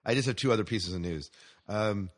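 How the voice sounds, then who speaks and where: This podcast host, a man with a fairly low voice, moves at a brisk clip as he reads entertainment news. His style is chatty, and he frequently asks his co-host questions. The audio is dry.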